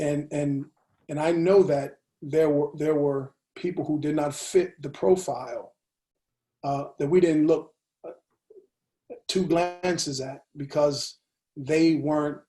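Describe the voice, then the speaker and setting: A man speaks slowly and deliberately, leaving long pauses between his thoughts. His voice sits a little high for a man. He is leading a book discussion over a video call. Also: a little mellow. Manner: slow, deliberate, many pauses and fillers. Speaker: discussion leader.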